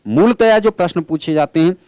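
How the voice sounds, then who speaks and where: A man delivers an exam-prep grammar lecture in a slightly high voice. He keeps asking his class questions and answering them himself, and he calls his listeners friends. The recording is close and dry. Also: a little fast, darkish tone, no echo. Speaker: teacher.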